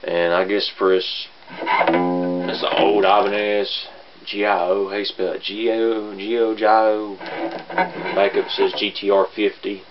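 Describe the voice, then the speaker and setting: A man talks in a low voice with an Appalachian hillbilly accent. He rambles casually and haltingly through an amateur gear review, putting himself down a little. The camera audio is dull and lo-fi, with instrument sounds clearly present. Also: level tone. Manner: halting, self-deprecating. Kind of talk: casual rambling product demo. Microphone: camera on a tripod. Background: bass guitar and amp sounds.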